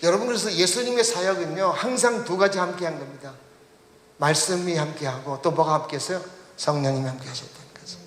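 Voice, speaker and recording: A man with a high voice preaches a Sunday sermon in a church sanctuary, often pausing to put questions to the congregation and calling them to read the text aloud together. The sound comes back from the room with a long, roomy reverb. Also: fairly bright tone. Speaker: pastor. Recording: echoey church hall reverb.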